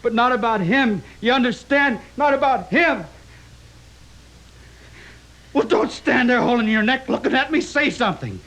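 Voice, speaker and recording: An actor playing an aggrieved, hot-tempered young working-class husband, arguing in a heated shouting match in an old radio drama. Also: male voice, very high-pitched, animated, moderate pace, long pauses, full character voice, rough recording. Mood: agitated, defensive.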